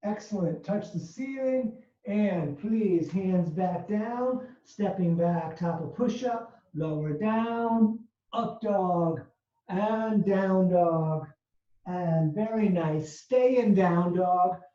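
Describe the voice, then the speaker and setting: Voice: mid-range voice, very slow, dark tone. A yoga instructor leading a live class, calling out poses and breathing cues one step at a time, a little out of breath from talking through the flow. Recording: dull, roomy sound from far off.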